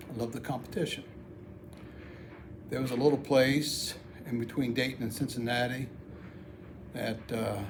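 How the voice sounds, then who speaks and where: A middle-aged or older American man tells a personal story in a plain-spoken, folksy, casual monologue. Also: medium pitch. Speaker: amateur video storyteller. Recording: clearly audible background noise.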